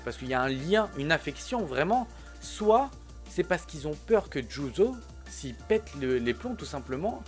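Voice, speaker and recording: A man casually reviewing an anime episode in slangy talk, speaking straight to the viewer. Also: mid-range voice.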